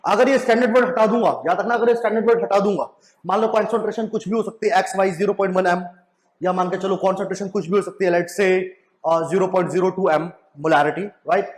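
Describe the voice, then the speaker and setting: A man's voice: high-pitched, fairly even intonation, fast. A young man giving a chemistry lecture to students, repeating his questions back to them and often asking "right?". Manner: mixes in English phrases. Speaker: chemistry teacher. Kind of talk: classroom lecture at a whiteboard.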